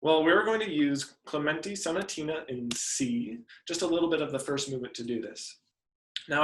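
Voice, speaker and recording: Man, piano teacher, friendly explaining, slightly high voice, roomy echo. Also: a bit bright. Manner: friendly explanatory, hums melodies. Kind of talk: instructional video lesson.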